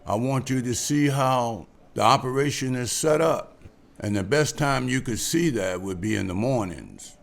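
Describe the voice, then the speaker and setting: At a script table read, a man voices a cautious, businesslike bank official in a measured, guarded way. His mid-range voice is gravelly, with lively intonation.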